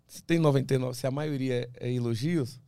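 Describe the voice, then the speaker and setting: A man, an ultramarathon runner from Brazil, talking as a podcast guest, animated and full of restarts, acting out what others say. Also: mid-range voice, brisk, vocal fry, smooth, no echo. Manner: animated storyteller, many restarts, acts out quoted voices. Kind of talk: casual interview talk.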